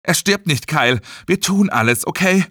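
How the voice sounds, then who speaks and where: A man voicing a steady man who gives firm first-aid orders and calms his friend. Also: on the high side, moderate pace, dry recording, studio quality, pitched above the performer's own voice. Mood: urgent. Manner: firm and commanding.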